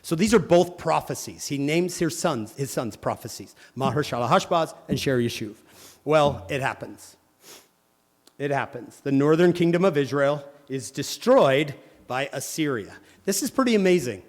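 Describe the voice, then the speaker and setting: A man with a slightly high voice leads a lively scripture talk, joking and quizzing his congregation as he goes. His voice carries a long reverb from a large hall. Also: moderate pace. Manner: energetic, joking, quizzes the audience. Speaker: church speaker.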